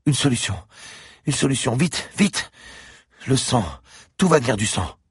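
A man's voice: medium pitch, expressive, unhurried, slightly rough, no room sound, studio quality, voice pushed up. A man voicing an eerie, insistent little girl who repeats herself urgently in an audiobook. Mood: frantic. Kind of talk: audiobook character voice.

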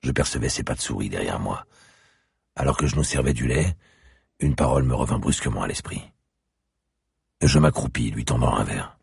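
A man narrating an audiobook in the first person, slow and brooding, his voice rising sharply when his character speaks. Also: dry recording, clean studio sound. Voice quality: gravelly, husky, very deep. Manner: slow, brooding delivery, rises sharply in his spoken lines.

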